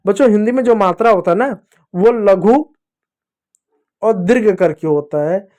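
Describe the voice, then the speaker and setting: High-voiced man teaching children. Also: moderate pace, dark tone. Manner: patient, repeats and drills sounds, addresses children directly. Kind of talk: spoken children's lesson.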